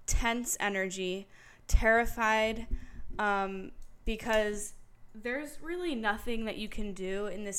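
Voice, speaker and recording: A woman in her late twenties hosting a podcast, telling a story in casual chat, candid and profane, growing louder and more heated as she recounts it. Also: medium pitch, clean tone. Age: late 20s. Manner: candid and profane, retelling with emphatic repetition. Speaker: podcast host. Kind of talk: casual solo storytelling monologue.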